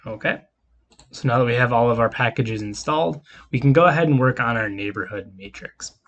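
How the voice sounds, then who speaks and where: A man teaching a recorded coding lesson in an easygoing, explanatory way. His voice sits at an ordinary middle pitch and he talks through each step as he goes. Keyboard clicks and typing come through behind him. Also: brisk, fairly bright tone. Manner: casual, explanatory, talks while typing code. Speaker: lecturer. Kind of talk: screen-recorded coding lecture.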